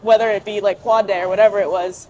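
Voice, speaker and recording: A woman's voice: mid-range voice, steady tone, fast, a little mellow, dull audio, slight background noise. A young adult woman speaking as a guest in a casual interview, with informal, youthful phrasing full of fillers.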